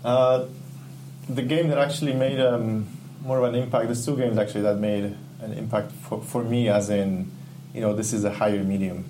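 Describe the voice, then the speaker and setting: The speaker is an Ecuadorian game UI/UX artist being interviewed as a guest in an easygoing conversation, his low-leaning voice moving at a moderate pace. Enthusiastic yet reflective, he searches for words. The low-quality recording has a steady background hum.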